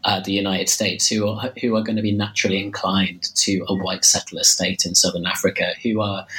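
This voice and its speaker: An author answers interview questions about his book in a low, pushed, bright voice, captured on a rough recording. He has a slight cold and is losing his voice a little. His answers are hesitant, full of fillers and restarts.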